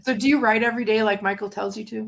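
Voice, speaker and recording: A woman co-hosting a podcast interview, playful and quick to laugh along. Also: fairly high pitch, steady tone, vocal fry. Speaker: podcast co-host. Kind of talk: casual interview chat.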